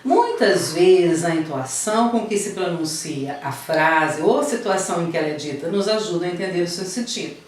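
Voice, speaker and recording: A woman's voice: fairly low pitch, lively intonation, moderate pace, few pauses, far from the mic. A woman teacher with a Brazilian Portuguese accent giving a grammar lesson, explaining patiently step by step and checking in with her students. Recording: very echoey room, voice from afar.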